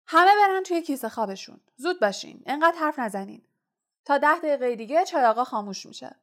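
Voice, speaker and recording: A woman reading a storybook voices a pompous teenage boy prefect who shouts orders at the other students. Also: high-pitched, lively intonation, pitched above the performer's own voice. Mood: bossy.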